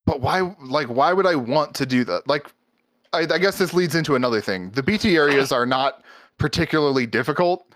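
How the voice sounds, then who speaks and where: A man's voice: a little high, animated, fairly quick, fairly bright tone, no echo. A man co-hosting a casual podcast, talking bluntly about a video game with frequent swearing and an exasperated tone. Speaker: podcast co-host.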